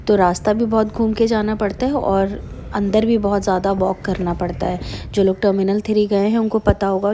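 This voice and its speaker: A woman tells her travel story in a chatty, casual vlog voice-over. She talks as a mother, loosely and warmly paced, with frequent fillers and English words mixed in. Her pitch is ordinary for a woman. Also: slight background noise. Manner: chatty, with many fillers and Hindi-English mixing. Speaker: vlogger mother.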